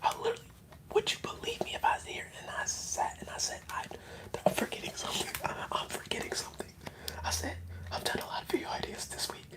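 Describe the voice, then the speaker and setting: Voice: fast talker, rough recording. An ASMR streamer whispering in a casual, rambling, slangy way while chatting on a livestream. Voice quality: whispered, mostly unvoiced.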